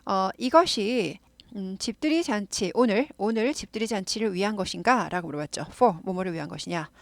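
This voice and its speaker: A woman explaining English phrases to learners, patiently repeating words slowly to model how they sound. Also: medium pitch, no room sound. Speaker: English teacher.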